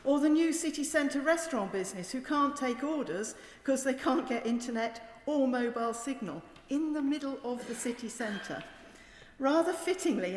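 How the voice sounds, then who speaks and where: A British woman makes a formal speech in a parliamentary debate. Her voice sits fairly high, and she is measured yet emphatic and critical. The sound is echoey, with the long reverb of a large chamber. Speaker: member of parliament giving a speech.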